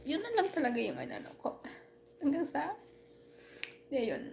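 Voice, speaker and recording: A woman telling a personal story in casual storytime style, halting with many restarts and fillers, earnest and turning heated at times. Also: sits high, huge pitch swings, gravelly, a little mellow, a little hiss or hum.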